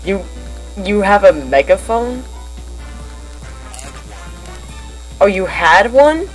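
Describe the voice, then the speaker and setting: A woman's voice: medium pitch, big pitch swings, measured pace, faint music behind, low-quality recording. A woman in casual chat with a friend on an online voice call.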